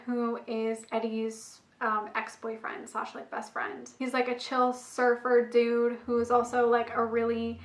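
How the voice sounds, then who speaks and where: Young woman vlogger rambling about books, kinda hoarse, lots of "like", flat-ish higher voice, echoey room. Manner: chatty, frequent "like" and "I don't know" fillers. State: voice going hoarse. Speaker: book vlogger. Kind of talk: casual monthly book review chat.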